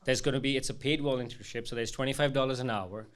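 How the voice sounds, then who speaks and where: A man's voice: mid-range voice, steady tone, fast, smooth. A man, a volunteer member, giving an informal presentation at a meeting.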